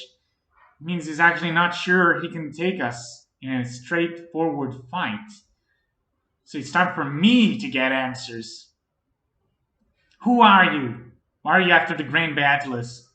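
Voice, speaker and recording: A man's voice: a little high, sharp tone. A man voicing an agitated young halfling. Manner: agitated, snapping. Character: young desperate male halfling fugitive. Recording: roomy echo.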